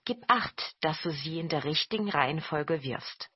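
A woman voicing a kind, caring young wife who gives gentle advice. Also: low voice, expressive, normal speed, slightly rough, no echo, muffled recording, exaggerated voice.

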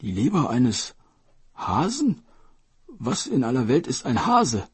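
A man's voice: medium pitch, sing-song, unhurried, darkish tone, husky, no room sound, pitched above the performer's own voice, full character voice. A man voicing a sick, desperate old dragon king who pleads and commands his court. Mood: pleading.

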